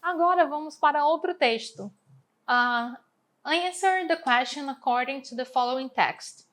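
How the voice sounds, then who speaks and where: A woman's voice: high-pitched, unhurried, fairly bright tone. A woman English teacher with a Brazilian Portuguese accent, explaining exam answers patiently and asking and answering her own questions.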